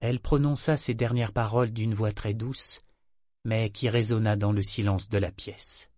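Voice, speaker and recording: A man reading a novel aloud as narrator, steady and measured. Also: lowish voice, dry recording, clean studio sound. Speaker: audiobook narrator. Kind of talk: scripted narration.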